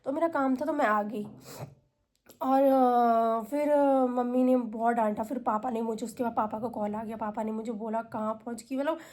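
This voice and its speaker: A woman's voice: a little high, moderate pace, a little mellow. A young woman. She chats to camera as a vlogger, telling a long story in a loose, conversational way. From India. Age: 20s. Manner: chatty, retells calls with quoted voices.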